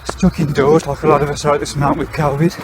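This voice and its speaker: A man's voice: a little high, little pitch movement, background noise. A man, out of breath as he talks to the camera while running outdoors on a foggy early morning. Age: 50s. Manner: chatty and frank, with breathy pauses between phrases. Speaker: vlogger.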